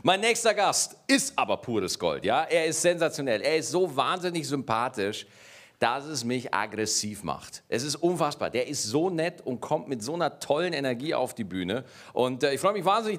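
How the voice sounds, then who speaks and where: A man's voice: medium pitch, big pitch swings, normal speed, a bit bright. A man hosting a comedy show, enthusiastically introducing the next comedian. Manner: gushing, enthusiastic announcing. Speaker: host.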